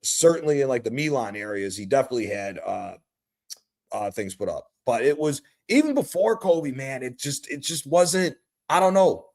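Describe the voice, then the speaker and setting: A man's voice: medium pitch, very animated, moderate pace, a little mellow. A man in his thirties hosting a casual sports chat, laid-back and swearing freely, repeating his points. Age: 30s. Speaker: show host.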